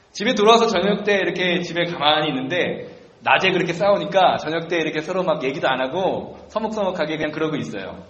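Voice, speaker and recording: Animated male pastor in echoey church. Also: fairly high pitch. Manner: conversational, self-deprecating storytelling. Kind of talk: sermon. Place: church sanctuary. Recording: echoey church room, dull lo-fi sound.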